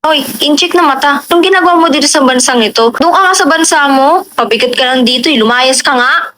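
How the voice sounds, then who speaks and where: A scornful young female bully, as a woman puts her on, rattling off quick sneering taunts in a raised voice. Music plays behind her in this school stage piece. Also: high-pitched, bright, forceful tone, voice pushed up, rough recording. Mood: mocking. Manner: jeering, fast sneering taunts. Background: background music.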